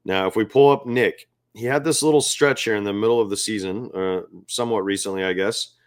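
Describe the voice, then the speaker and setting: A man's voice: lowish voice, a little fast. A man hosting a sports betting picks show, talking loosely and with amusement straight to his viewers. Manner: chatty, loose and self-amused, talks straight to viewers as "guys". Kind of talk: casual talk to camera.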